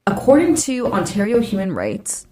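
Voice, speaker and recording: A woman's voice: medium pitch, wildly swooping pitch, normal speed, a little mellow, echoey room, rough recording. A woman from Canada, a guest on a radio panel, talking through political points in a thoughtful, hedging way and laying them out one by one. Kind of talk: casual political discussion. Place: radio studio.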